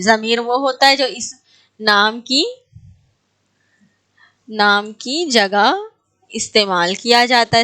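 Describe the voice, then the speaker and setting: Bright-voiced woman teaching a class. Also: a little high. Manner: asks the class questions and answers them herself. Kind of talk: online class lecture. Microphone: online class audio.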